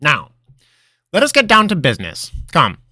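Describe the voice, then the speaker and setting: A man voicing an eccentric old male wizard master, theatrical and mischievous, with a high, booming, cackling voice. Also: huge pitch swings, moderate pace, sharp tone, no echo, studio quality, heavily acted. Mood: grand, instructive. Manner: theatrical, mischievous, grand pronouncements. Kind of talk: storybook character voice.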